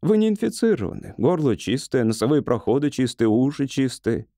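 A patient middle-aged doctor, read by a male narrator, explaining things in a level, reassuring way. The tone is mellow and unhurried, and the recording is dry and close. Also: mid-range voice, animated, creaky, no room sound. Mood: calm. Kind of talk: audiobook character voice.

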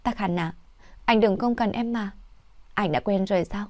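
A woman's voice: medium pitch, normal speed, mellow, no echo, voice pushed up, natural voice. A woman playing a weepy young ex-girlfriend, pleading, tearful, dry close sound, storybook reading. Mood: tearful begging.

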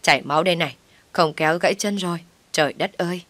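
A woman's voice: quick pace, a bit bright, dry recording, natural voice. A woman voicing a scolding older mother-in-law who nags and shrieks in a raised voice. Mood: fretting. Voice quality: shrill, nagging.

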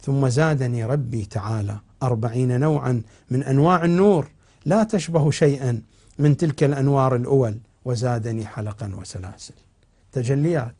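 A man speaking as a cleric in a TV religious lecture, reciting old narrations and then explaining them slowly and with emphasis. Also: medium pitch, mellow. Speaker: cleric teaching on TV. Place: television studio.

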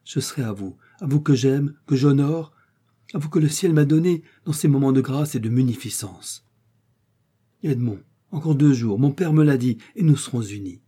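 Brief: man reading a young noble lady in a storybook, fervent, tender, pitch lifted, husky dark tone. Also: moderate pace, natural voice. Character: young noble woman in love, anguished.

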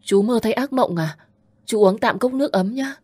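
A man doing a gentle, caring young woman. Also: sits high, takes it slowly, pitched above the performer's own voice. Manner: soft and polite.

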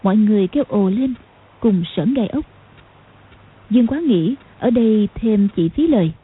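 A woman narrating an audiobook in a steady storytelling manner. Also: mid-range voice, normal speed, husky, phone-quality sound. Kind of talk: scripted narration.

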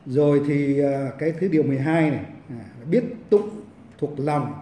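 A man, a Buddhist monk giving a Dharma lecture in a halting way, full of repeated fillers and restarts, recorded in a monastery hall. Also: fairly high pitch, dark tone, slight background noise. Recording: roomy echo, mic at a distance.

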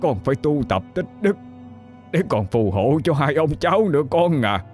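A man's voice: fairly high pitch, big pitch swings, normal speed, a little mellow, faint music behind, pitched above the performer's own voice. A man playing a sobbing old father. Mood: tearful. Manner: tearful, trembling pleading. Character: heartbroken older father, sobbing and pleading.

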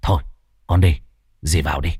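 A man voicing a rough, thieving young village man in a spoken ghost story, gruff and coarse in speech. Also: rumbling low, fairly even intonation, normal speed, a little mellow, no echo, clean studio sound, pitched below the performer's own voice, exaggerated voice. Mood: wheedling.

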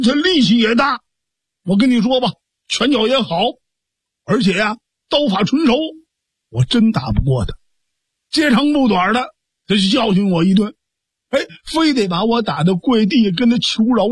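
A whiny, childish young brother, as a male storyteller puts him on pleads and sulks, his voice lifted high and swinging wildly. It is a storybook simpleton, tearful and needy, his tone slightly husky. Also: dry recording. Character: whiny simple-minded young man, bullied little brother.

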